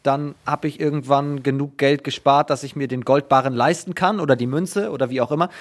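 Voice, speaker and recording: A man's voice: mid-range voice, fairly quick. A man hosting a podcast in a conversational interview style. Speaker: podcast host.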